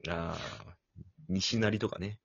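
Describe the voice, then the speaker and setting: A man's voice: deep voice, expressive, extremely slow, vocal fry, slightly rough, no room sound, highs cut off. A young man co-hosting a casual podcast chat, joking and laughing often. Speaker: podcast co-host.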